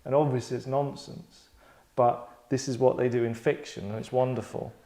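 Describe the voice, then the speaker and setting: The voice belongs to a London man hosting an actors' table read: mid-range, mellow, level in tone, and moderately paced. He explains things to the group casually, wandering off in sardonic, mock-dramatic tangents.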